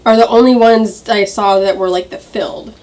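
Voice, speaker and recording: A woman who is a guest on a casual taste-test vlog, chatting easily and giving quick opinions. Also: mid-range voice, fairly even intonation, darkish tone.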